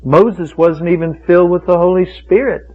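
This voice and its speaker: A man with a high-pitched, slightly rough voice preaches a fiery sermon at a moderate pace, emphatic and rhetorical, hammering points home with repeated phrases. The recording sounds tinny, like radio heard over a phone.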